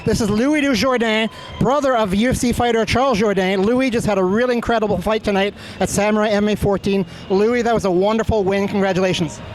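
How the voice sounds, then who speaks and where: A man's voice: high-pitched, fairly even intonation, fast talker, few pauses, poor audio. A man interviewing conversationally after a fight, friendly and complimentary, explaining things as he goes. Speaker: sports interviewer. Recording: faint urban ambient noise behind.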